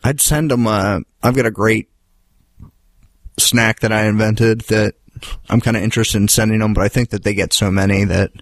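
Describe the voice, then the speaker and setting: Laid-back gravelly man, low voice. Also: fairly even intonation, moderate pace, no room sound. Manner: laid-back, rambling, self-deprecating, swears casually. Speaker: podcast co-host. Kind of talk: casual chat.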